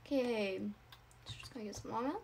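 A woman's voice: fairly high pitch, moderate pace, vocal fry, a little mellow, slight background noise. A woman narrating her game character in a playful first-person way, chatty and dramatic with lots of "like" fillers.

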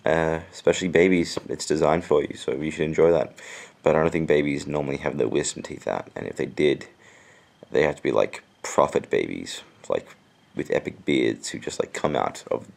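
A young adult man with a swollen, sore jaw, rambling casually and deadpan to a handheld camera at home. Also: rumbling low, moderate pace. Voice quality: gravelly, creaky voice. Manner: deadpan, dryly joking. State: swollen, sore jaw after wisdom teeth removal. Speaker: vlogger. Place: indoors at home. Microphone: handheld camera at arm's length.

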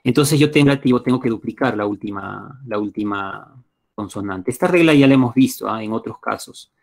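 A man's voice: on the low side, a little fast, gravelly. A male teacher with a Peruvian Spanish accent runs a live online lesson through a computer mic. He explains step by step in a patient way and keeps stopping to check that his students follow. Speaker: English teacher.

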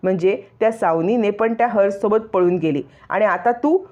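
A woman's voice: mid-range voice, normal speed, darkish tone, muffled recording, natural voice. A woman voicing an angry older mother-in-law who accuses and scolds her daughter-in-law. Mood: angry, accusing.

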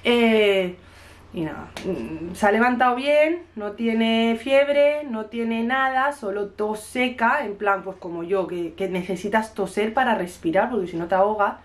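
A medium-pitched, slightly slow voice belongs to a thirtysomething mother from Spain vlogging casually at home. Standing in her kitchen with a cold that makes her cough, she chats to camera in her Spain Spanish accent, telling a story and acting out what people said.

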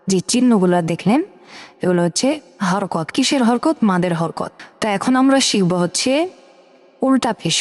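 A woman's voice: on the low side, darkish tone, big-room sound. A woman teaching Quran reading, who patiently drills letter pronunciations one by one and repeats key points. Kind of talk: step-by-step recitation lesson.

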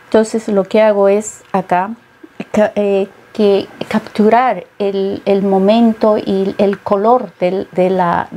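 On a studio set with bookshelves, a middle-aged woman from Peru talks about her work as a painter in an interview. Her medium-pitched voice is mellow, flat and slow, and she pauses often as she thinks; a little hiss or hum can be heard.

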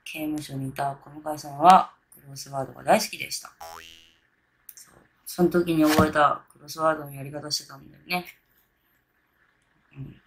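A woman's voice: low-pitched, fairly even intonation, moderate pace, pauses often, noisy background. A drunk woman in her thirties chatting casually to camera, rambling and often losing her train of thought. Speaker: vlogger. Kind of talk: casual solo chat to camera. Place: small bedroom or hotel room, indoors.

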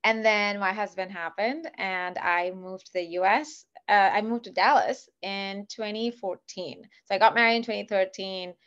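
Speaking at a normal rate with barely any pauses, a business founder in her thirties from Kuwait talks as a podcast guest, her medium-pitched voice fairly bright and fairly even in intonation. She's chatty and enthusiastic, full of fillers, in a casual interview. She calls in over video from a home office, and the audio is dull and lo-fi.

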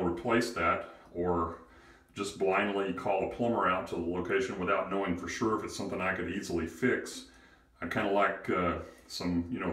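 Low-voiced man in an echoey bathroom. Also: a bit bright. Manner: unhurried, hesitant, thinking aloud. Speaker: homeowner asking for repair advice. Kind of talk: casual how-to video narration. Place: small tiled bathroom, indoors. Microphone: handheld phone camera. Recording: echoey bathroom with running water. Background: running water from tub faucet and shower.

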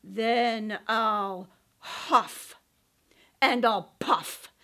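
A woman voicing a menacing, sly male wolf who draws out his threats slowly and loudly. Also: a little high, voice pushed down, heavily acted. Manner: loud, slow, drawn-out threats.

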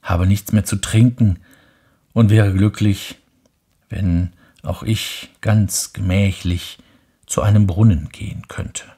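A man voicing a tired, thirsty stranded pilot in a hushed, weary bedtime reading. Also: lowish voice, steady tone, slow pace, slightly rough, heavily acted.

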